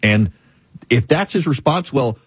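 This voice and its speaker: Husky-voiced Southern talk radio host. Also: male voice, mid-range voice, lively intonation, measured pace, dry recording. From American South. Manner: folksy, sarcastic, emphatic.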